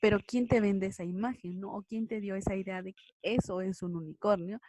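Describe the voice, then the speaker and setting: A woman's voice: mid-range voice, steady tone, brisk, dark tone. A woman teacher with a Mexican accent giving an online class, talking casually with many tag questions. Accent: Mexican Spanish. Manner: conversational, frequent tag questions.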